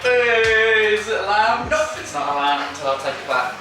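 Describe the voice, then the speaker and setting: A man playing a card game, cracking loud playful jokes. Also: high-pitched, animated, moderate pace. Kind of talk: casual game banter. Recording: roomy echo from far off, music behind. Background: music.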